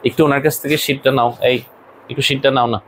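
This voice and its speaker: A man's voice: medium pitch, little pitch movement, fast, a bit bright, slight background noise, rough recording. A male college English teacher, lecturing a classroom and explaining English words and phrases, sometimes scolding his students.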